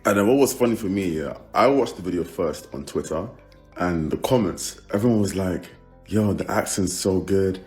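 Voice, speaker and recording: A young man talks casually in a low voice, amused and chatty as he reacts. Faint music sits underneath. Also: lively intonation, brisk. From Britain.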